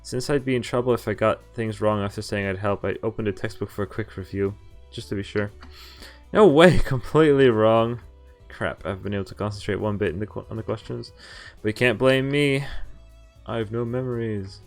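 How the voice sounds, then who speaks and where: A man streams a casual visual novel playthrough, its music behind him, reading lines aloud and adding wry, jokey asides in a lowish voice at a slightly fast clip.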